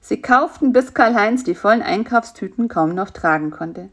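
A woman narrating a children's storybook in an even, gentle reading voice. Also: medium pitch, moderate pace, husky.

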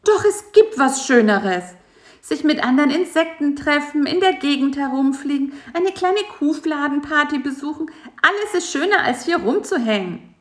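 A woman voicing a whiny, restless little male insect in a storybook, nagging and shrill. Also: expressive, moderate pace. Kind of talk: storybook voice acting. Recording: echoey room.

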